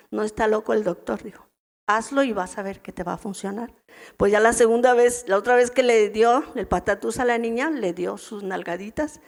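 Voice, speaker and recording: A woman's voice: fairly high pitch, gravelly, a little mellow. A middle-aged woman with a Mexican accent, teaching a women's church meeting in a chatty, story-filled way and often checking in with the audience. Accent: Mexican Spanish. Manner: chatty, anecdotal, constant tag questions to the audience.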